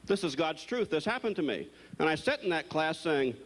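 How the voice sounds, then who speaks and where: A man, a psychologist, giving a blunt, animated storytelling lecture to a live audience. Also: a little high, normal speed, a little hiss or hum. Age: older. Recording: long hall reverb, recorded live.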